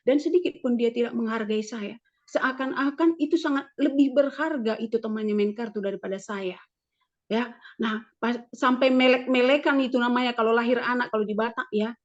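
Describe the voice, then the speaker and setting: A woman in her fifties, a religion teacher, telling her personal testimony at church in an animated storytelling manner. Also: on the high side, brisk. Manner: animated storytelling, acting out her own prayers and arguments. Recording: dull lo-fi recording.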